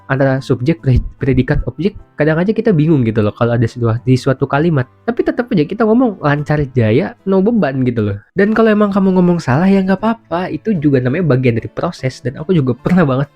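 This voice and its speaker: A young man, a language teacher, explaining in a chatty, informal way to camera. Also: a little high. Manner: chatty, informal, lots of fillers. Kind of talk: casual spoken lesson to camera. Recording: slightly dull sound with faint music.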